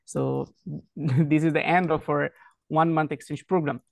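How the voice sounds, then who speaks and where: Young man, student guest, earnest, hesitant, gravelly, dry close sound. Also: a little high, little pitch movement, unhurried, no echo. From Bangladesh. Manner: earnest, hesitant, apologetic about his English. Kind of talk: self-introduction in an online class.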